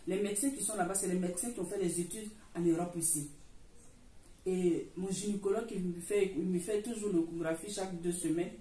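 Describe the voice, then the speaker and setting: A middle-aged woman gives a church testimony, her voice mellow and dark. She tells it earnestly and repeats herself often, restarting her sentences. She is heard from some way off the microphone in an echoing church hall, with faint noise behind her. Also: on the low side, fairly even intonation, fairly quick. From Africa. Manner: earnest, repetitive storytelling with many restarts. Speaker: church member giving testimony. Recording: roomy echo, far from the mic, faint noise.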